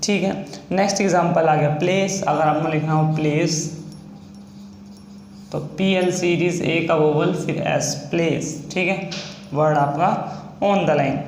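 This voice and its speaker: A man teaches a shorthand lesson, slowly spelling out each sound step by step. His voice sits fairly high, and the room gives it a noticeable echo with faint noise behind. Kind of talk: classroom-style lesson.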